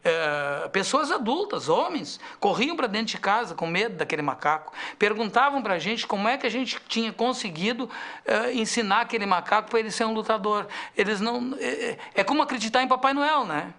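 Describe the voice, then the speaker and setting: A woman's voice: a little high, lively intonation, brisk, a bit bright. A woman casually reminiscing in an interview.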